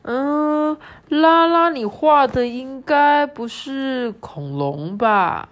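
A woman's voice: sits high, animated, extremely slow, voice pushed up, exaggerated voice. A woman voicing a flustered dinosaur father in a storybook, fussing and eager to please. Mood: flattering.

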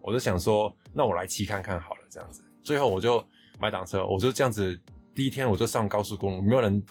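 A man from Hong Kong speaks Mandarin with a Taiwanese accent, hosting a relaxed podcast. He talks fast and chattily, often laughing, in a somewhat low voice. Faint music plays underneath. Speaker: podcast host. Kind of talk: casual chat.

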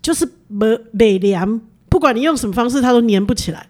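Higher-voiced Taiwanese-accented woman chatting. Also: animated, fairly quick, darkish tone. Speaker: chat show co-host. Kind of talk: casual storytelling and chat.

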